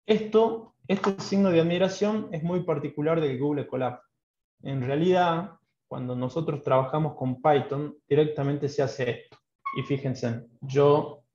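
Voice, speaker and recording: A man with an Argentine accent from Salta teaches programming online, his gravelly voice warm and mellow. He explains step by step and keeps checking that his students follow. The sound is dull and roomy, like a class streamed from a home office. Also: on the high side, a little hiss or hum. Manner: explains patiently, often checks in with a questioning "¿sí?".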